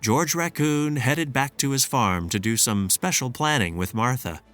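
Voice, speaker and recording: Man, storybook narrator, animated pitch, measured expressive reading, faint music. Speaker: storybook reader. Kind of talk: scripted narration.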